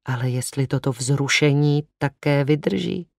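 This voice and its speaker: A man's voice: fairly high pitch, creaky, dry recording, clean studio sound. A man voicing a cold, commanding young woman. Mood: excited. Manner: sharp and imperious. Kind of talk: audiobook reading.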